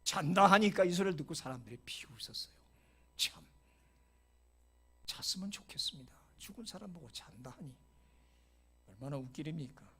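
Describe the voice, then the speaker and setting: Preaching with a fairly high, breathy voice and lively intonation, a middle-aged pastor narrates his story dramatically at a moderate pace, pausing often. His whispers give way to loud exclamations, and he mixes in brief English phrases.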